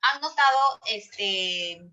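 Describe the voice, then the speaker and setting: A woman's voice: fairly high pitch, expressive, drawn-out words, sharp tone, highs cut off. A woman with a Peruvian accent giving a classroom lecture, asking her students questions and repeating herself often. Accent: Peruvian Spanish. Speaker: teacher.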